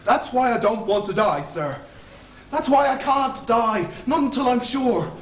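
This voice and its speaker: A man's voice: very high-pitched, expressive, a little slow. A young man playing a fawning, anxious convict in a stage play, stammering and rambling, heard from far off on an echoey stage. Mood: pleading. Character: fawning anxious male Irish convict hangman. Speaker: student actor.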